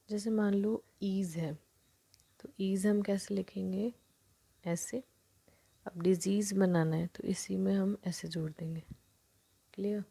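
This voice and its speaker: Soft-spoken, slow, gravelly woman teacher. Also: on the low side. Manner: soft, often sinking to a near whisper while writing; mixes Hindi with English terms. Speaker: shorthand teacher. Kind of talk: explaining shorthand strokes.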